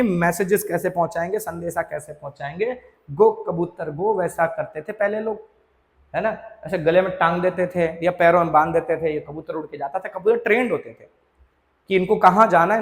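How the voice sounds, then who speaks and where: Guy teacher explaining a lesson, chatty, throws in english words, echoey room. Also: sits high. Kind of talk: classroom lecture.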